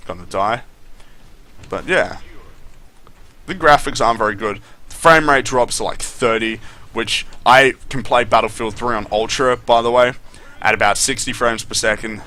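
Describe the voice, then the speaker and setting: Disgruntled, sweary male gamer with a bright voice. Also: mid-range voice, normal speed. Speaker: gaming commentator. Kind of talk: casual gameplay commentary.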